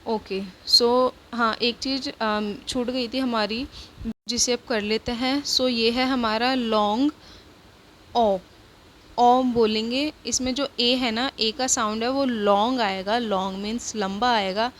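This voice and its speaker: A woman's voice: a little high, steady tone, takes it slowly, a little hiss or hum. A woman teaching a shorthand lesson, talking patiently and repeating each word several times, mixing English words into Hindi.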